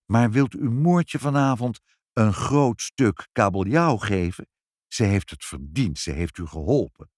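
A man voicing a calm, kindly father in a children's audiobook, speaking in a persuasive way. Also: on the low side, measured pace, dry recording, clean studio sound.

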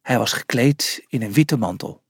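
A man slowly reading a children's storybook aloud in an expressive way, with a husky voice. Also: medium pitch, dry recording, studio quality. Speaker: narrator.

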